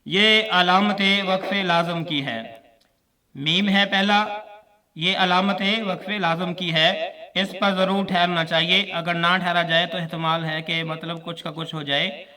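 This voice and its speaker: A man's voice: high-pitched, steady tone, measured pace, pushed and bright, distant mic. A man with a Pakistani Urdu accent teaching a religious lesson, repeating each point and quizzing his listeners. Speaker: Quran teacher.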